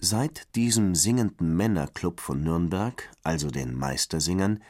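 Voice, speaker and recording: A man with a low, deep voice narrates a children's audio story. He explains things in a calm, steady way. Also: unhurried.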